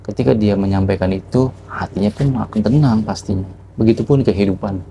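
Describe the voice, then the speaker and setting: A man's voice: fairly low pitch, a little fast, dark tone, a little hiss or hum. A man telling a reflective motivational story to the camera, asking rhetorical questions as he goes. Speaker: vlogger.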